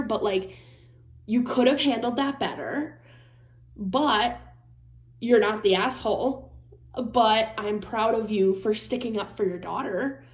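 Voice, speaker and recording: An animated woman vlogger talks through her reactions in a casual, unfiltered way, swearing freely and slipping into mock-angry impressions of other people. Her voice sits a bit high, and the room around her rings with echo.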